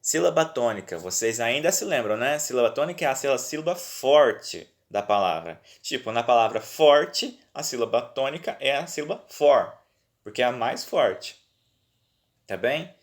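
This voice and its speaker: A man with a Brazilian accent talks pupils through their worksheets, one exercise at a time. He sounds patient and reassuring, keeps checking that they are following, and his voice sits at an ordinary middle pitch. It is recorded on a phone indoors at home. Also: expressive, moderate pace. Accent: Brazilian Portuguese. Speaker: teacher. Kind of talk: remote lesson walking through worksheets.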